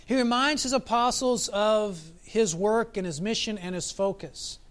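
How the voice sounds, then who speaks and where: A man preaching a sermon as pastor, reflective, asking his listeners questions and slowing down for emphasis. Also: sits high. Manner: reflective, asks the congregation questions, varies pace for emphasis.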